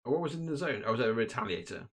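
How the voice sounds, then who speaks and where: A man's voice: medium pitch, lively intonation, racing, breathy edge. A man hosting and commentating a live tabletop game stream in a casual, chatty way, with lots of fillers and restarts. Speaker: host and commentator.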